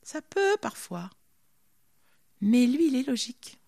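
A woman giving an informal Bible teaching, reading scripture aloud and commenting on it in a chatty, lively way. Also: sits high, takes it slowly, gravelly. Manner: reads scripture then comments chattily, voices the characters' lines.

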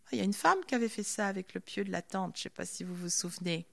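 A woman giving an informal Bible teaching, reading scripture aloud and commenting on it in a chatty, lively way. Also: medium pitch, quick pace, gravelly. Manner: reads scripture then comments chattily, voices the characters' lines.

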